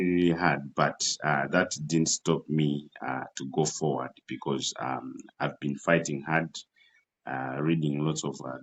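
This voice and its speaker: Man from Malawi, extremely low voice, young adult, halting, lots of uh and um, interview guest. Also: dull audio. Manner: halting, many fillers and restarts. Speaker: entrepreneur guest. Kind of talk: interview answers.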